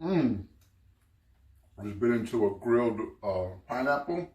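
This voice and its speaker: A man's voice: mid-range voice, animated, a little slow, a little mellow. A man hosting his own cooking vlog, chatting casually and eating as he talks. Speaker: cooking vlogger. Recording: roomy sound, mic at a distance.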